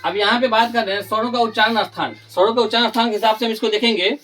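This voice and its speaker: A man teaches a grammar lesson to a room of students. He works in call-and-response, asking each question and answering it himself more than once. He slows down and stretches the important terms so they stand out. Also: high-pitched, steady tone, pushed and bright. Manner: stretches key terms slowly for emphasis. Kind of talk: classroom lesson.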